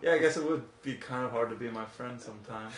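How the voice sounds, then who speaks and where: In a home office, a podcast host with a medium-pitched voice leads a casual conversation, swearing casually and laughing often. The recording sounds roomy.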